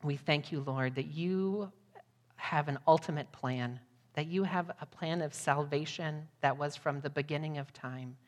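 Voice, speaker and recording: A long hall reverb surrounds this sermon by a guest missionary preacher, an American woman from the Midwest speaking to a congregation. Her voice sits low, and she talks a little slowly.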